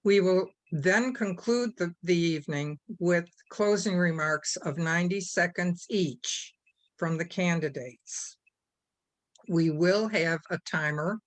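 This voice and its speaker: A woman moderating a candidate forum, laying out rules and introducing speakers in a measured way. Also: fairly low pitch. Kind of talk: formal moderating.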